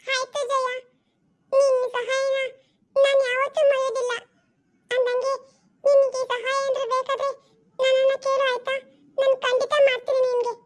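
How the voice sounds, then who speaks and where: Woman playing a possessing female spirit, stern, slow, very high voice. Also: monotone. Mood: solemn. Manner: stern and bargaining, slow and solemn. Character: female spirit possessing a young girl, calm and firm. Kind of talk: home-made family drama.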